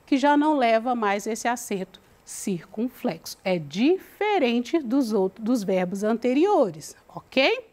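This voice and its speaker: A woman teacher gives a lesson. She talks slowly and deliberately and checks in with the student as she goes. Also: a little high, sing-song, darkish tone. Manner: slow, deliberate, reads the text aloud and asks the student questions. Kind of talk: recorded remote lesson.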